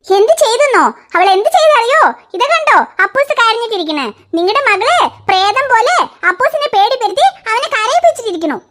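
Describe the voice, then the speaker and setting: A woman's voice: very high-pitched, sing-song, fairly quick, few pauses, fairly bright tone, exaggerated voice. A woman voicing a fussing cartoon mother who scolds in an exasperated way. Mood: complaining. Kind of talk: cartoon voice acting.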